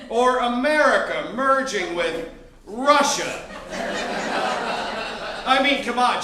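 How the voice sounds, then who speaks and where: With a very high voice in an echoey room, a Miami man tells a sardonic, wry story from his own life as a live theater performance. He builds toward mock outbursts as he goes.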